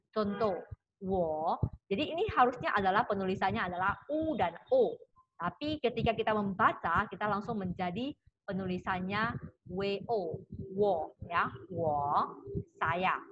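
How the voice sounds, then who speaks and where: A woman's voice: mid-range voice, a bit bright. A woman teaching a Mandarin pronunciation lesson, patient and reassuring, repeating example sounds for her students. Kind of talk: recorded class lesson. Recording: dull lo-fi audio with faint hiss.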